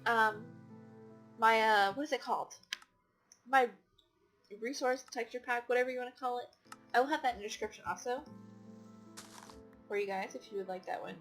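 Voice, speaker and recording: A woman's voice: fairly high pitch, normal speed, pauses often, a bit bright, soft background music. A tired woman casually commenting on her game play, rambling with many fillers and restarts. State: tired, yawning. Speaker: gaming channel host.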